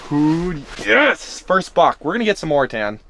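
A young man with a slightly high voice talks in a slangy, excitable way, like a casual fishing vlog. The camera audio from inside the tent carries faint noise. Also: measured pace, creaky. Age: young adult. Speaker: fishing vlogger. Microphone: camera a short distance away.

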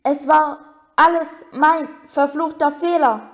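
A woman's voice: high-pitched, moderate pace, close to an everyday voice. A woman reading aloud as a big tearful groundskeeper, blunt and colloquial, her voice slightly raised. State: crying. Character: sobbing remorseful giant male groundskeeper.

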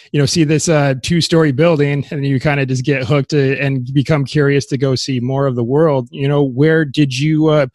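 A man's voice: medium pitch, darkish tone, no echo, clean studio sound. A man hosting a podcast, asking long winding questions full of fillers. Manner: long winding questions padded with "you know" and "uh". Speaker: podcast host. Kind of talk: interview questions.

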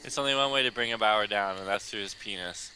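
A man's voice: on the low side, fast talker, bright, forceful tone, low-quality recording. A man making crude, teasing banter in casual chat while playing an online game with friends. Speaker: gamer in a let's play group. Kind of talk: casual chat during gameplay. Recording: faint noise, insects and game ambience.

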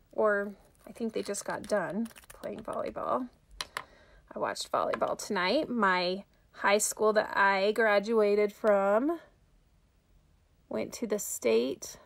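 Middle-aged woman chatting thru a makeup tutorial, slow and a bit gravelly. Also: medium pitch. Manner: chatty, talks to viewers while working. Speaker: makeup vlogger. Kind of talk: casual live makeup tutorial.

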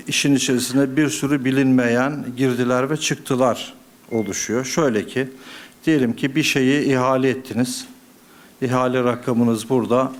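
A man speaking from a podium microphone as a budget committee member, giving a measured, formal explanation with frequent hesitations. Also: mid-range voice. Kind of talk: formal council address.

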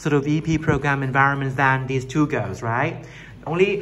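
A man's voice: medium pitch, drawn-out words, fairly bright tone. A man teaching English with a Thai accent, encouraging his students and switching between English and Thai in a casual classroom manner.

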